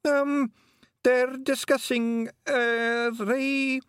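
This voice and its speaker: A man's voice: very high voice, little pitch movement, extremely slow, fairly bright tone, clear, resonant tone, no echo, studio quality, voice pushed up, heavily acted. A man voicing a tiny, shy, polite pixie man in a kilt, speaking with a Scottish accent and deferring to his mistress. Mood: embarrassed. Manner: hesitant, deferential.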